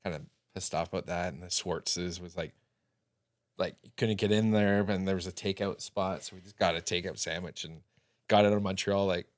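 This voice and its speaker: A man who owns a bakery, a podcast guest, telling stories in a relaxed, rambling way. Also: deep voice, normal speed. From Ontario, Canada. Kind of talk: casual chat.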